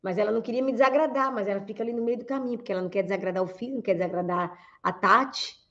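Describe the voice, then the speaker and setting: A woman's voice: medium pitch, very fast, fairly bright tone, dull audio. A woman with a Brazilian accent coaching on communication in a lecture, asking rhetorical questions and acting out quoted speech. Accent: Brazilian Portuguese. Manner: rhetorical questions, calls listeners "gente", acts out quoted speech. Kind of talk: lecture to an audience.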